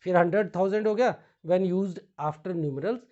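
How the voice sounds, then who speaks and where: A male teacher with an Indian accent slowly explains English grammar to a class in Hindi mixed with English, spelling words aloud. The voice sits high with a darkish tone, and the sound is lo-fi.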